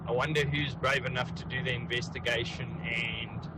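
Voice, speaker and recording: A man's voice: medium pitch, fairly even intonation, moderate pace. Listener voice message: man, wry and musing, recorded outdoors by a busy road. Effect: recorded voice message played on air. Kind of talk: radio voice note. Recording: loud street traffic noise.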